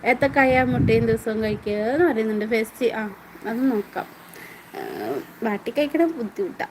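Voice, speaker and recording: A woman's voice: fairly high pitch, sing-song, moderate pace, noisy background. A woman hosting a casual live stream at home, reading viewer comments aloud and answering each viewer by name in a chatty way.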